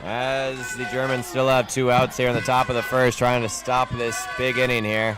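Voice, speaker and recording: A male play-by-play commentator at a mid-range pitch, calling the action live and jumping up in pitch and loudness when the play turns big. Behind him, music and a noisy crowd carry clearly through the broadcast. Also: little pitch movement, moderate pace. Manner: rises sharply in pitch and volume on big plays.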